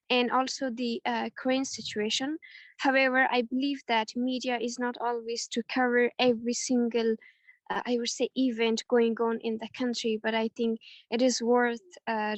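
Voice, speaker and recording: A woman's voice: on the high side, dry recording. A young woman from Afghanistan speaking on a webinar panel, earnest and hesitant, with many fillers. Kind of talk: webinar presentation.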